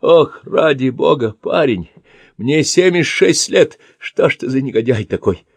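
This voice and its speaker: A man's voice: animated, unhurried, slightly rough, no room sound. A man voicing a bound, abusive old man in his seventies who shrieks and curses. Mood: sobbing plea. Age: 70s. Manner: shrill, shrieking, cursing.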